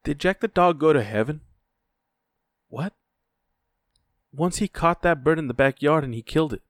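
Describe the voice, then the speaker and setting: A man voicing a restless, chatty eight-year-old girl in a high piping voice. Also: animated, normal speed, dry recording, studio quality, close to an everyday voice. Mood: anxious.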